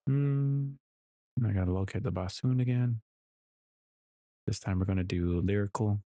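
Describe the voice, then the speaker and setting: A man with a very low, mellow voice rambles easily while he works on his music, correcting himself as he goes. The sound is dry and close, with no room around it. His tone stays relaxed and unhurried. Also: no room sound. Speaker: music producer streaming his work. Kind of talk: casual commentary while working.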